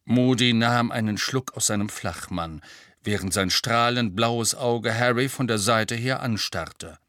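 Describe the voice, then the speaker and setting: A man reading an audiobook in a slow, lively storytelling manner. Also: medium pitch, dry recording, studio quality. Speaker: audiobook narrator. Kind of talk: scripted narration.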